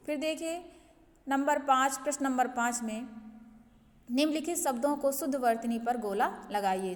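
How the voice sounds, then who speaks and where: A woman's voice: high-pitched, big-room sound. A woman schoolteacher explaining a lesson to her pupils, checking in often and mixing English words into her talk. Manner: repeats "ठीक है ना" as a check-in with pupils; mixes English words into Hindi teaching. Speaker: school Hindi teacher. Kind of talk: online class lesson explanation.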